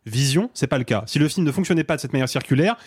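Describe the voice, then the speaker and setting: A man's voice: on the high side, animated, slightly rough, no room sound, studio quality. A man arguing his point insistently in a casual film debate on a podcast panel. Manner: insistent, argumentative, rapid. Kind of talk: heated debate.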